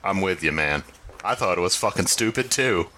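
A man's voice: low voice, animated, moderate pace, bright, forceful tone, slight background noise. A man playing a tabletop role-playing game, giving short, dry replies in character. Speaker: player.

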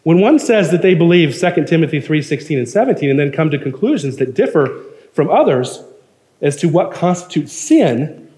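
Male preacher, high-pitched, earnest sermon delivery with firm emphasis. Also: big pitch swings, moderate pace, mellow. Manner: earnest, building emphasis, reads quotations aloud. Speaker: pastor.

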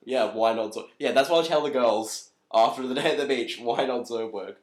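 A man's voice: mid-range voice, fairly quick. Australian guy in his twenties, podcast co-host with dry self-deprecating wit, recorded in an echoey room. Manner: dry, self-mocking humor. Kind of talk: casual chat.

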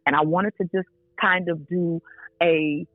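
A woman's voice: on the low side, steady tone, a little slow, no room sound. A woman singer speaking as an interview guest, earnest and enthusiastic. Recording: tinny phone line.

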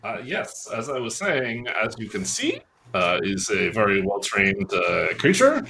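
A man's voice: on the low side, wildly swooping pitch, a little slow, pushed and bright, a little hiss or hum. A man playing a tabletop game, using a mock-formal, pompous in-character voice with frequent uh fillers. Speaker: player. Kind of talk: in-character tabletop role-play.

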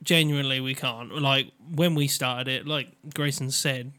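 A man's voice: mid-range voice, steady tone, measured pace, pushed and bright. A man with a Norfolk accent chatting casually as a podcast co-host. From Norfolk, England. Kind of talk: casual chat.

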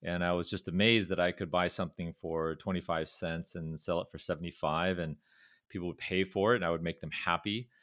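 A middle-aged pharmaceutical company chairman from Southern California, with a Californian accent, talks as a guest in a conversational interview, often repeating words while gathering his thoughts. His low voice is fairly bright and a little fast, with fairly even intonation, in clean studio sound with no room sound.

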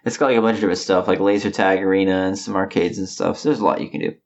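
A man in his late twenties co-hosts a podcast in a deep, steady, creaky voice, talking at a racing pace on a lo-fi recording. He rambles through a story in casual chat, with a slight lisp from knocked-out teeth.

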